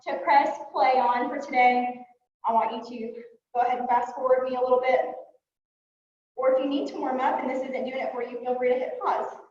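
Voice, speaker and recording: In a fitness studio, a female instructor calls out cues while working out herself, sounding a bit winded and leaning on fillers. She has a high-pitched voice. The recording picks up slight background noise, room echo, and a dull tone from a distant mic.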